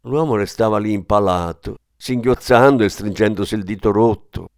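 A man reading a crime story aloud as narrator in a steady storytelling manner. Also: lowish voice, moderate pace, no echo, clean studio sound. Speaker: audiobook narrator. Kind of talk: scripted narration.

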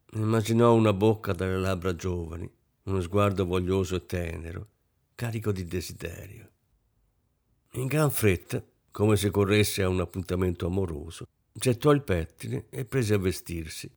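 A man narrating a novel as an audiobook in a measured, expressive way. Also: fairly low pitch, vocal fry.

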